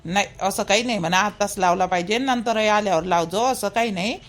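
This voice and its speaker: A woman with a natural, medium-pitched voice and a Vidarbha Marathi accent speaks briskly in an easygoing mood. She plays a caring, fussy mother-in-law in a village cartoon, insisting and repeating herself in a homely way.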